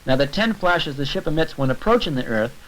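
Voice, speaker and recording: Here a man with a slightly high, somewhat bright voice speaks expressively and fairly quickly. He's narrating an educational science film in a relaxed, conversational lecture manner, walking through each step. The recording is an old, noisy 1970s soundtrack with clicks.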